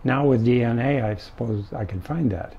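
An older man telling stories from his life in an interview, halting often with fillers. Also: medium pitch, mellow, slightly rough, muffled recording. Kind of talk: casual storytelling.

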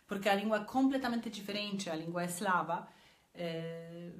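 A Polish woman in her thirties who teaches languages speaks with a Polish accent in a casual vlog, using lots of hesitant "eh" fillers and repeating words. Her mid-range voice echoes in the small indoor room where she films on a phone.

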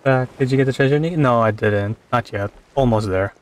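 A man's voice: mid-range voice, brisk. A young man in casual chat while gaming with a friend, laughing often and bantering. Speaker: streamer playing with a friend.

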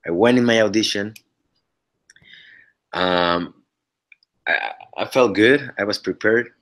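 Taking it slowly, a man with a fairly low, fairly bright voice speaks English as his second language, with a Mexican Spanish accent. He's a Mexican actor in his thirties, a guest in a casual interview chat. He joins by webcam video call from his living room and speaks earnestly, often restarting what he says.

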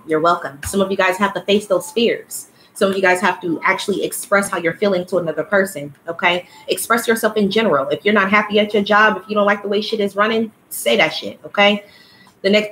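A woman's voice: mid-range voice, a bit bright, a little hiss or hum, poor audio. A woman giving a casual, blunt livestream oracle card reading who swears freely and calls her listeners child and y'all. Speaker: spiritual card reader.

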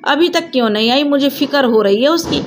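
A woman's voice: high voice, fairly quick, a little hiss or hum, natural voice. A woman voicing a brusque young village man who scolds but cares. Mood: gruff.

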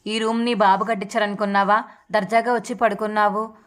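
A domineering middle-aged mother-in-law lashing out with contempt, read aloud by a woman. She is bossy and scornful, with a mid-pitched voice. It is a recap storytelling read. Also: flat delivery, a little fast, natural voice. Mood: scolding. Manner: scolding, contemptuous.

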